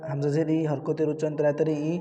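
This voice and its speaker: A man's voice: fairly high pitch, monotone, mellow, lo-fi sound. Patient male Quran reading teacher, drilling. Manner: patient, repetitive, spells letters then chants words in a raised drawn-out voice. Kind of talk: spelling out and drilling Quran recitation. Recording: reverberant room with faint background noise.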